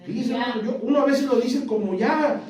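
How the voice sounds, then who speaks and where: A male pastor with a northern Mexican accent, telling a story in a sermon, going from hushed to shouting. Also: extremely high pitch, brisk. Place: large echoey church hall. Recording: echoey church hall, far from mic.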